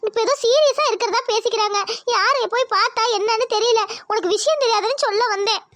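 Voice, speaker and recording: A woman voicing a calm village neighbor woman in a cartoon, who soothes and reassures in a quick, hushed way. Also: very high-pitched, no echo. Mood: worried. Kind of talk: cartoon voice acting.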